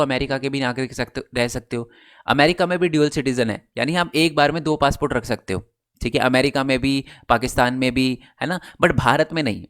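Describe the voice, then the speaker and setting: Young male tutor, conversational explainer, frequent check-ins, mixes in English terms. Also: mid-range voice. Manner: conversational, checks in with "ठीक है" often, filler "अ". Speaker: teacher. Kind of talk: casual explainer lesson.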